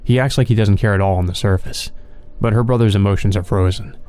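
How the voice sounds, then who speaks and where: Narrating a visual novel during a let's play, this man keeps a calm, even storytelling pace. His voice sits fairly low and sounds mellow.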